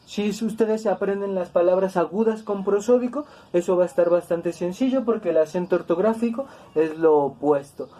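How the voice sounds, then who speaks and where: A woman teaching a grammar lesson, speaking slowly and deliberately, repeating words to stress each syllable. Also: on the low side, warm tone. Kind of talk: classroom-style grammar lesson.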